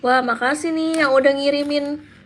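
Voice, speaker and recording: A woman's voice: high-pitched, fairly even intonation, normal speed. A woman in her thirties hosting a casual live stream, chatting with viewers and reading out their names and comments. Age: 30s. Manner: chatty, reads out viewer names and answers them.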